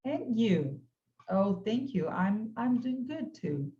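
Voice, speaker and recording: A woman's voice: mid-range voice, big pitch swings, slow, dull audio. A woman teaching an online English class, patiently modeling phrases for her students.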